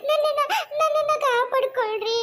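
A panicked young pregnant wife in a cartoon begs for help in a piercing, very high voice. She pleads frantically and without pause. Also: heavy background noise. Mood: frantic pleading.

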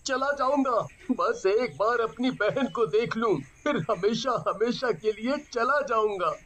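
A man doing a sorrowful ghost brother. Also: extremely high pitch. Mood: pleading. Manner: soft, mournful, drawn-out. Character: gentle dead young brother now a ghost, sorrowful.

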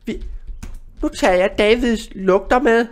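A young man playing Minecraft in role-play with a friend, teasing him with short, playful remarks. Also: very high-pitched. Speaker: co-host of a gaming channel.

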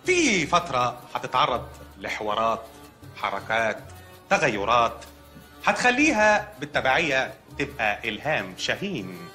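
An actor playing a calm, matter-of-fact hospital doctor in a comic sketch. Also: male voice, mid-range voice, moderate pace, faint music behind. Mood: deadpan. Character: deadpan male hospital doctor, odd pronouncements. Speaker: doctor character.

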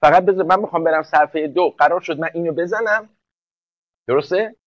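High-voiced joking male exam teacher. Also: dry recording, dull audio. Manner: joking, direct, addresses students one by one. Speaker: English teacher for university entrance exam prep. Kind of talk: live online class lecture.

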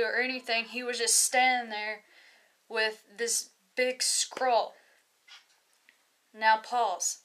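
A young woman video host gives a casual testimony, telling a personal story loosely and ramblingly, packed with "like" and "you know." Her voice is fairly high with a sharp tone.

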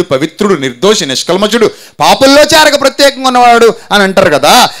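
A male pastor with a high-pitched speaking voice delivers a sermon. He tells the story with animation and keeps asking his listeners rhetorical questions, now and then dropping to a quiet voice.

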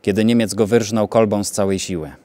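A theatre actor reciting a poem with a grave, deliberate delivery. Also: male voice, lowish voice, fairly even intonation, warm tone, dry recording. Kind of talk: dramatic poetry recitation.

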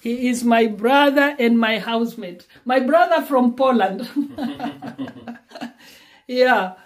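A woman from Kenya in about her sixties, speaking slowly in a slightly high voice, pleads and repeats her words in a casual vlog. She's indoors in her small home with a phone camera held at arm's length.

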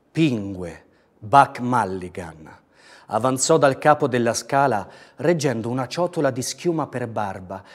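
A man giving a slow, measured and expressive dramatic reading of a novel. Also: medium pitch.

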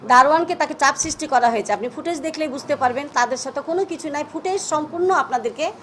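Fast, high-voiced Bangladeshi woman. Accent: Bangladeshi Bengali. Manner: emphatic, agitated retelling. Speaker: press conference speaker. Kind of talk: reading a statement, then answering questions.

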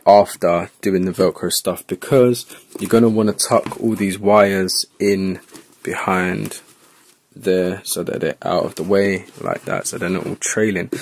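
A vlogger with a low, steady voice and a slightly slow delivery talks informally through a how-to tutorial. He thinks out loud while working with his hands at a wooden table indoors at home.

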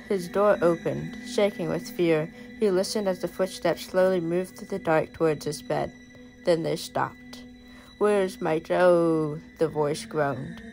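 A woman's voice: fairly low pitch, gravelly, rough recording. A woman reading a short horror story aloud, dramatic in her storytelling. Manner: dramatic storytelling, varying loudness for suspense. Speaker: storyteller and artist.

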